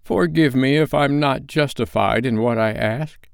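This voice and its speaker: A man voicing an old miserly man, asking anxious, slow, imploring questions. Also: medium pitch, creaky, clean tone, dry recording, studio quality, voice pushed up. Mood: fearful.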